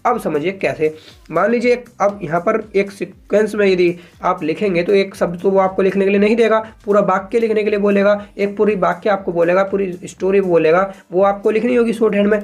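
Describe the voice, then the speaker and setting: A man teaching a shorthand lesson to viewers, speaking casually and patiently, slowly repeating example sentences and often checking that his viewers follow. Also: high voice, fairly even intonation, a little mellow. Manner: addresses viewers as friends, frequent "ठीक है".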